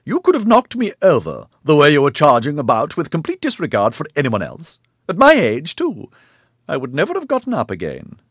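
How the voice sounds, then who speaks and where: A man's voice: a little high, wildly swooping pitch, fairly quick, husky, dry recording, studio quality, voice pushed up, exaggerated voice. A man voicing a haughty, imperious old woman with a wavery voice, scolding indignantly. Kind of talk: audiobook character voice.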